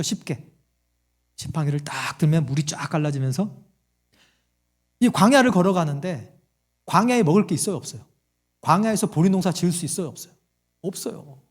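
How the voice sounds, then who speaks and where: A male pastor preaching a sermon to his congregation, quizzing them with questions and acting out the voices in his stories. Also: high-pitched. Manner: acts out quoted voices in a story.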